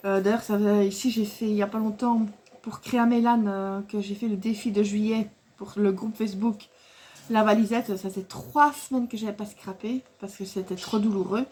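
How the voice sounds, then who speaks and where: A woman's voice: mid-range voice, steady tone, moderate pace, dark tone, breathy edge. A woman vlogging casually to camera about her craft haul, rambling and chatty, with many fillers, restarts and frequent laughs. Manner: laughs often while talking.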